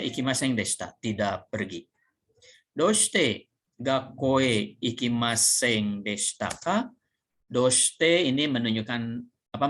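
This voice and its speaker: Man, lowish voice, language teacher, recorded lesson, patient step-by-step explaining, reads then translates. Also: fairly bright tone, breathy edge.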